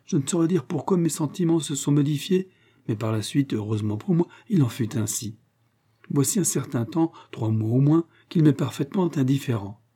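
A man's voice: medium pitch, animated, moderate pace, mellow, husky, voice pushed up. A man reading Emma, a composed young woman. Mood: earnest.

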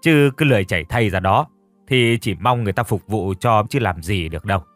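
A man's voice: on the low side, lively intonation, a little fast, no echo, faint music behind, lightly acted. A man voicing a blunt, weary old grandmother in an audio story, grumbling in a level voice.

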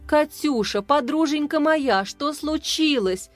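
A two-faced woman friend coos false comfort in a storybook reading, as a woman narrator puts her on. Her voice rides high and sugary. Quiet music plays beneath. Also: animated, moderate pace, no echo. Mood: falsely sweet. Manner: sugary, fake sympathy.

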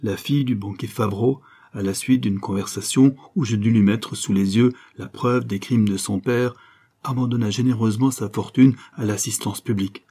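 A man's voice: on the low side, normal speed, dark tone, slightly rough. A man reading an audiobook, voicing a torn young avenger who speaks to his mother in an earnest, solemn, pleading way. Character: anguished young avenger son, torn by conscience. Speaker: audiobook reader.

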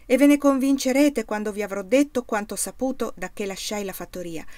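Earnest, devoted young farmhand, read by a woman in a storybook, mid-pitched, dry. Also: a little fast, a little mellow, dry recording, lightly acted. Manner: musing, heartfelt inner monologue. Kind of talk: audiobook reading.

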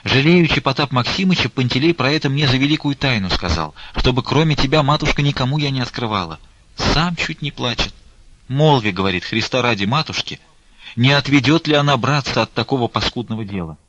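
A man's voice: medium pitch, lively intonation, a little fast, fairly bright tone, dry recording, pitched above the performer's own voice. A man voicing a humble, anxious old nun who speaks meekly and laments, on a dull lo-fi recording. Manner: meek, fussy and lamenting.

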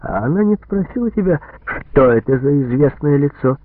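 Stern, mocking interrogator played by a man, sharp pressing questions, lively delivery, phone-like radio audio. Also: fairly high pitch, moderate pace, slight background noise, voice pushed up, close to an everyday voice. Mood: harsh. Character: stern male gendarme interrogator, mocking and harsh. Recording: tinny lo-fi radio broadcast.

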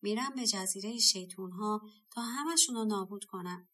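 A woman reading the lines of a calm, determined young boy hero in a storybook, in a lower, softer tone. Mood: calm resolve.

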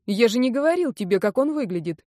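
A brash young male elf, loud, urgent and quick to scold but protective, as a woman narrator voices him. The sound is close and dry, with no room around it. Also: a little high, animated, no echo, close to an everyday voice. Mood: alarmed scolding.

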